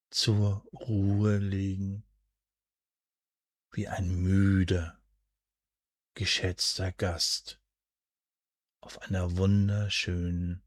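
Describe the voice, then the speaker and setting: Near-whispered and breathy, this deep, husky man's voice guides listeners through sleep hypnosis as a relaxation guide, soft and soothing. His delivery is hushed and deliberate, never rushed, stretched by long pauses. Recorded close and very dry, with no echo at all.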